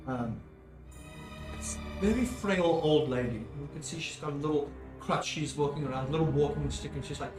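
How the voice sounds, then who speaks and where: A man's voice: a little high, normal speed. A man running a tabletop fantasy game as game master, improvising narration and repeating phrases for emphasis. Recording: echoey room, faint music behind. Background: faint music.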